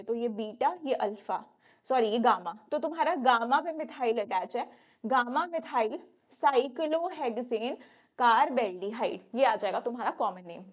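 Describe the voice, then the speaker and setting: Young woman, chemistry teacher, slightly high voice, chatty lecture style with quick self-corrections. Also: darkish tone. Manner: chatty, addresses students as "beta", self-correcting. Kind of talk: exam-prep lecture at a whiteboard.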